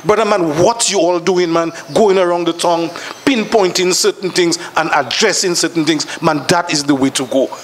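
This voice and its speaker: A man's voice: a little high, moderate pace, few pauses, a little hiss or hum. A man with a Dominican accent speaking with emotion and urgency on a panel, calling people to action. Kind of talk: impassioned panel discussion.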